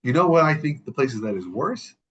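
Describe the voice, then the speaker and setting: A man from the Middle East, appearing as a podcast guest, shares personal stories in casual conversation. His mid-range voice is brisk and a bit bright, swinging widely in pitch. He drives points home by repeating words, and he often restarts sentences and corrects himself.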